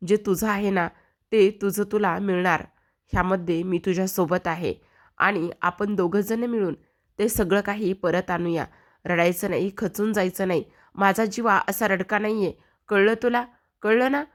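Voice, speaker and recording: A woman's voice: medium pitch, steady tone, normal speed, close to an everyday voice. A woman voicing a mother who soothes and reassures her grown son, retold from a TV serial. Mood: firm.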